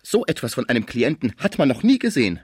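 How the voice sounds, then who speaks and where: A man voicing an indignant male lawyer who argues forcefully for his client. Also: mid-range voice, sing-song, a little fast, no echo, clean studio sound, voice pushed up. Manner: forceful and protesting.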